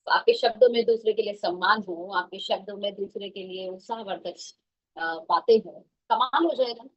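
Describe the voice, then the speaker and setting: A woman's voice: mid-range voice, normal speed. A woman giving an emphatic motivational talk, repeating her phrases and mixing in English. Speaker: motivational speaker. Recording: dull lo-fi sound.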